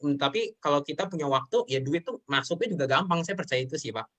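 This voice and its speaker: Young male guest, fast and heartfelt, slightly high pitch, emotional and candid. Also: lively intonation, a bit bright. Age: 20s. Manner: emotional, repeatedly addressing the host as sir. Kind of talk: earnest personal talk in an interview.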